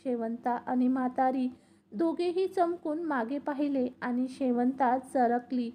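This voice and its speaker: A woman narrating a story in a steady, expressive reading voice. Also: sits high, unhurried.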